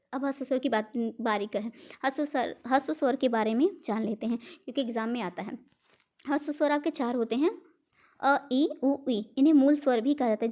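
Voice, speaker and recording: A woman with an Indian accent teaches an exam-prep grammar lesson in a fairly high voice. She lays out each point step by step, poses questions and answers them herself. She slips English words into her explanations. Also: darkish tone.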